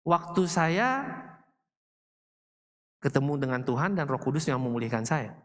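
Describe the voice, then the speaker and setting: A man's voice: mid-range voice, lively intonation, measured pace, fairly bright tone. A male pastor preaching a sermon in a conversational way, telling personal stories and acting out quoted remarks. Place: large church hall. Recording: long church hall reverb.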